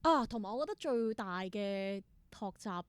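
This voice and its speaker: A young adult woman with a Hong Kong Cantonese accent, a theatre performer and creator, chats reflectively as a guest in a casual interview, mixing in English words. Her medium-pitched voice is animated and clean, at a moderate pace.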